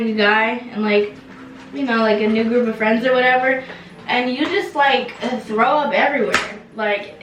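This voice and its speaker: A young woman telling a casual storytime, animated and slangy with lots of fillers. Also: fairly high pitch, slight background noise. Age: young adult. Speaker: vlogger. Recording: echoey room, mic some distance off.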